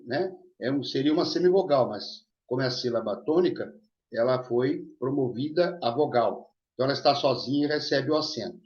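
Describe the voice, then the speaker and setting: A man with a Brazilian Portuguese accent teaching a grammar lesson in an explanatory way, often checking in with his listeners. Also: mid-range voice. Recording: roomy, dull lo-fi sound.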